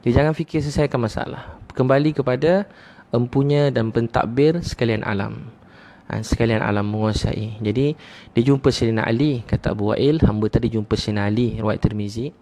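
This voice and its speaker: A man giving a sermon, teaching with gently emphatic repetition and frequent interjections. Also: mid-range voice, a little fast. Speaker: preacher.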